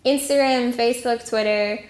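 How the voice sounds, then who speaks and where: A woman's voice: a little high, fairly even intonation, normal speed, a little mellow, slight background noise. Young woman stunt performer, breezy and upbeat, echoey room. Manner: upbeat, chatty, many fillers. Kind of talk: casual interview. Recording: roomy echo, faint music.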